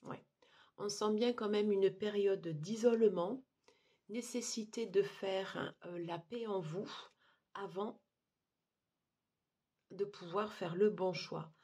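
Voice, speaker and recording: A woman giving a monthly tarot card reading, talking haltingly with many fillers and restarts. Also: medium pitch, steady tone, mellow, breathy edge. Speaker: tarot reader.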